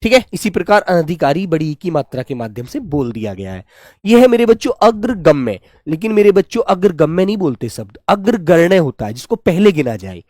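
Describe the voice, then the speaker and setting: A man with a fairly high voice teaches spelling to exam students, fondly calling them his dear children. He lifts his voice loud for each new word and lets it fall soft and low for the reminders. The sound is dry and close, with no room in it. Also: big pitch swings, a little fast, no room sound. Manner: affectionate, repeatedly calls students "my dear children" and "beta". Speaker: Hindi teacher. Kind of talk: exam-prep spelling lesson.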